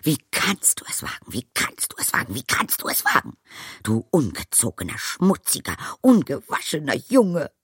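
A man with a low voice reading a storybook, raising his pitch to voice a fussy, easily shocked mother who scolds in shrill, indignant outbursts. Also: huge pitch swings, normal speed, a bit bright, breathy edge, no room sound, studio quality, heavily acted. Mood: furious.

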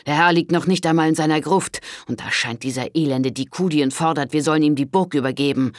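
A man voicing an angry, loyal castle steward who speaks forcefully and indignantly in an audiobook. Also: medium pitch, a little fast, gravelly, no room sound, studio quality. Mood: furious.

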